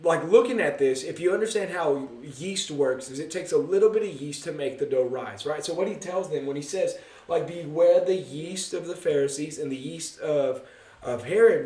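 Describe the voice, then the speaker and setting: A man's voice: fairly high pitch, dark tone. A man leading a casual Bible study, joking and chatting as he reads scripture aloud. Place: church room. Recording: echoey room from a distance.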